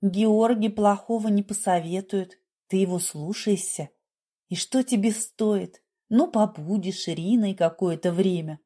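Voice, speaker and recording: Brief: woman playing a brusque, scolding nurse, husky and plainspoken, audiobook reading. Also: medium pitch, measured pace, dark tone, close to an everyday voice. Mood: matter-of-fact. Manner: brusque, lecturing. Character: blunt, scolding middle-aged nurse.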